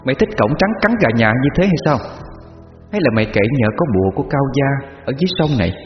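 Man voicing a regal mother goddess, stern, commanding, higher than his own voice, muffled, long reverb. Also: big pitch swings, fast, faint music behind, close to an everyday voice. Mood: stern scolding. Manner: commanding, scolding.

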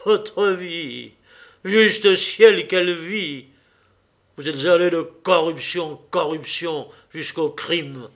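A man's voice: on the high side, takes it slowly, a bit bright, pitched above the performer's own voice. A man reading aloud, voicing a bitter, shaken man of science who accuses another man. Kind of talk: audiobook reading.

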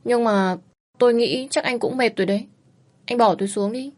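A woman narrating a first-person story in a lively, expressive reading. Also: fairly high pitch, normal speed.

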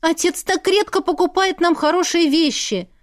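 A high, loud, whiny teenage girl, voiced by a woman narrator in a storybook reading. She is sulky and bossy with her older sister. Her complaints come out bright and insistent. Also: lively intonation, moderate pace, no echo, studio quality. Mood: aggrieved.

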